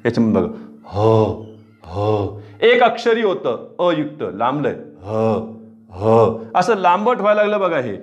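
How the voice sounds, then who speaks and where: A man teaching a pronunciation lesson, repeating words aloud slowly, stretching out sounds and answering his own questions. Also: on the high side, very animated. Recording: slightly dull lo-fi sound.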